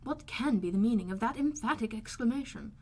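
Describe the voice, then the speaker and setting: A woman's voice: on the high side, animated, a little fast, dark tone. Woman playing a dry, teasing middle-aged father. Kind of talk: audiobook character voice.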